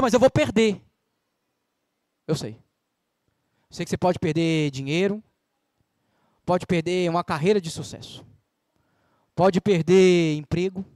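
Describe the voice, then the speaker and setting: A man's voice: sits high, unhurried, long pauses, a little mellow, no room sound, clean studio sound. A man with a Brazilian Portuguese accent preaching a sermon as pastor, emphatic, with rhetorical questions and scripture quotes. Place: church.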